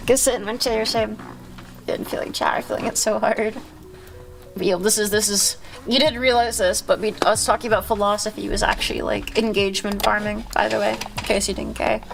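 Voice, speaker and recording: A woman hosting a casual livestream, chatting with viewers in a rambling, halting, slangy way with frequent self-interruptions and swearing. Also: medium pitch, steady tone, vocal fry, music in the background. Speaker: livestream host.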